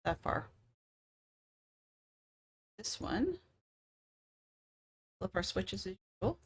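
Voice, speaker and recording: A woman's voice: medium pitch, very animated, drawn-out words, slightly rough. A woman casually talking to herself as she works through a puzzle game on a live stream, with dry sarcastic asides.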